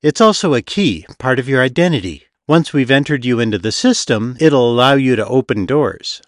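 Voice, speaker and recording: Haughty female demon noble as a man puts her on, higher voice, sly and mocking, lively swoops, close dry sound. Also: normal speed, no echo, natural voice. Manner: dry, teasing, brochure-like delivery.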